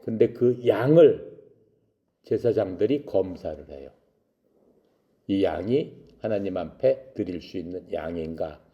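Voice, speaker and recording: A man's voice: deep voice, animated, a little slow, long pauses, lo-fi sound. A man telling a Bible story to young people, asking questions and answering them himself. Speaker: Bible teacher for youth.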